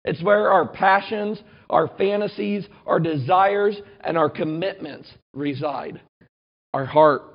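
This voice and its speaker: A male pastor giving a sermon and reading scripture aloud, earnest and measured, slowing down to stress key points. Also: fairly high pitch, vocal fry, lo-fi sound.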